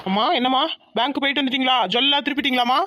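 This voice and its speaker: A woman voicing a dutiful adult son in a cartoon who gently calms his family. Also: high voice, rapid-fire, slight background noise. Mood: placating. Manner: gentle, placating.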